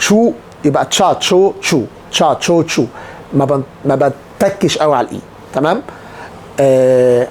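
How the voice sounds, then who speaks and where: A man's voice: a little high, a little mellow, a little hiss or hum. Egyptian man drilling Italian sounds. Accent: Egyptian Arabic. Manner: drills sounds by repeating example words. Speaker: Italian teacher. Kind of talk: online language lesson.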